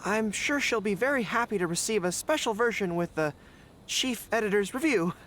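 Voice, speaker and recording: An actor playing a nervous, earnest young man in a video game, halting, flustered and polite. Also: medium pitch, lively intonation, fairly bright tone, close to an everyday voice. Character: nervous, earnest young male festival errand-runner.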